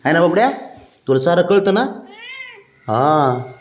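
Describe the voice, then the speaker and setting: A man's voice: fairly high pitch, expressive, unhurried. A man from Maharashtra talking to his pet cat, coaxing and pleading with it in sing-song baby talk. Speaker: pet owner vlogger.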